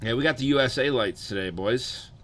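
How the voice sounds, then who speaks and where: A man's voice: medium pitch, brisk, fairly bright tone. An American man chatting casually to livestream viewers in slangy, sweary frat-bro talk, sounding hungover. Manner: crude, freely swearing. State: hungover, sluggish. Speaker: live game streamer.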